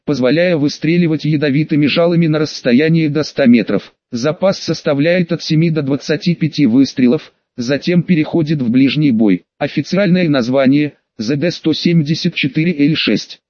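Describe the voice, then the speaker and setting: Factual male computer assistant read by a man, fairly high voice, dry lo-fi sound. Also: normal speed, few pauses, dry recording, natural voice. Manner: flat, informational briefing. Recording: dull, slightly lo-fi dry recording.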